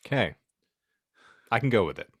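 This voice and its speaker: A man hosts a casual podcast, trading banter and reading out a hypothetical in a theatrical, mock-solemn way. His mid-range voice is sing-song and fairly bright at a moderate pace, recorded at studio quality with no echo.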